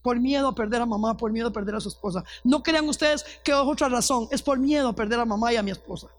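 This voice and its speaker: A high-voiced, middle-aged woman pastor preaches her testimony with fervor. She acts out the people in her stories as she goes. The sound is dry and close. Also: fast talker, no echo. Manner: fervent storytelling, acts out quoted voices. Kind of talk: testimony sermon.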